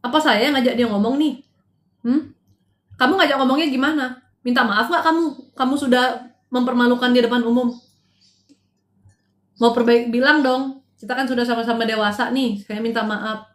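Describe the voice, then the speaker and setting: A middle-aged woman with a high, bright voice counsels live-stream viewers in a casual, direct way. She scolds and teases by turns and mixes in an English phrase now and then. The sound is roomy, with a clear echo around her voice.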